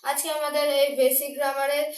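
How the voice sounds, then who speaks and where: A young woman opening a grammar lesson with a lively welcome, and then answering and repeating after the teacher. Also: high-pitched, fast talker. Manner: bright, eager, repeats the teacher's words. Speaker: co-presenter and pupil. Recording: echoey room, voice from far off.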